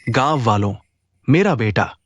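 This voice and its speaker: A male voice actor playing a blustering middle-aged village bully in a dubbed drama, loud and threatening. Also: medium pitch, animated, a little slow, slight background noise, close to an everyday voice. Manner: loud, threatening, then fawning. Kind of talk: Hindi-dubbed drama acting.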